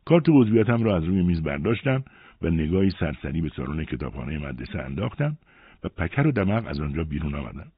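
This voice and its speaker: A man narrating a first-person story aloud with an expressive storytelling delivery. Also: a bass voice, breathy edge, no echo. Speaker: audiobook narrator. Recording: dry, phone-like narrow sound.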